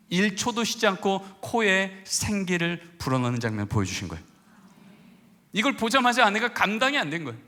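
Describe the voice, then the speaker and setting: A middle-aged man preaching a sermon, telling a hushed personal story that builds into fervent exhortation. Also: on the high side. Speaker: guest preacher, professor. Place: large church sanctuary. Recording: church hall reverb.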